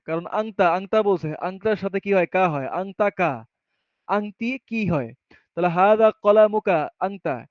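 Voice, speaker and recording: High-voiced man teaching Arabic grammar. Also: no room sound. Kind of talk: classroom grammar lesson. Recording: dull, muffled sound.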